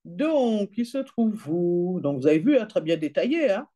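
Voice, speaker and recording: Chatty woman with a lively, mellow voice. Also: mid-range voice. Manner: chatty, peppered with "hein" and "d'accord"; reads prices and numbers aloud slowly. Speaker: travel deals presenter. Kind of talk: app demonstration voice-over.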